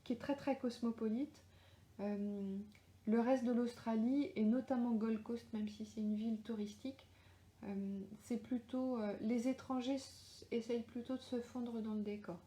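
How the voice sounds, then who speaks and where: A woman's voice: a little high, fairly even intonation, a little slow, warm tone. A woman author chatting casually on a live stream, answering viewers' comments as she thinks aloud. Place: at home in Australia. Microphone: livestream webcam or phone. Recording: roomy echo.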